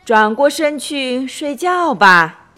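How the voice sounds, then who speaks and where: Bedtime storybook figure, woman playing a calm, sleepy male friend, slow and soothing, soft music. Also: high-pitched, pitched above the performer's own voice, full character voice.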